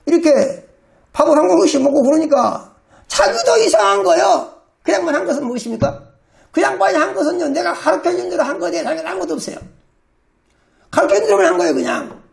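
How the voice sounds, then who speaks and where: High, very gravelly pastor preaching. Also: animated, fast talker. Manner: emphatic, acts out quoted commands with shouting. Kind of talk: healing sermon.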